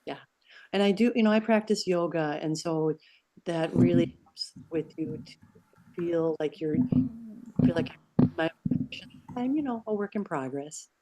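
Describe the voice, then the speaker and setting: Hesitant woman on a zoom call, kinda low voice, audio choppy and breaking up, lots of ums. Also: lively intonation, a little slow, pauses often, warm tone, slight background noise, poor audio. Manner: hesitant, many fillers and restarts. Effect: choppy audio cutting in and out. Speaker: workshop participant. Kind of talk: casual chat on a video call. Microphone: computer's built-in mic, no external microphone.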